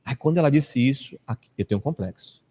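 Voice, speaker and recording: A Brazilian man in his fifties giving a storytelling lecture to a live audience, acting out quoted people and dropping to a hush at times. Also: lively intonation, fast talker. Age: 50s. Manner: anecdotal, acts out quoted people with big pitch swings, drops to a hush. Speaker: spiritist lecturer. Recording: echoey hall reverb.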